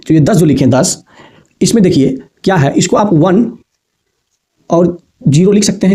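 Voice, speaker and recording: Speaking in a slightly high, mellow voice, a man patiently teaches students elementary maths and repeats himself often. He addresses them warmly as "babu" and "bachchon."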